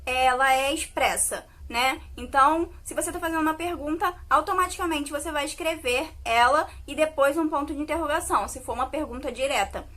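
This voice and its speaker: A woman teacher with a Brazilian accent explains a lesson to her class on video. Her voice sits high and sounds bright. She often checks in with her pupils as she goes. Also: a little fast, hardly any pauses. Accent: Brazilian Portuguese.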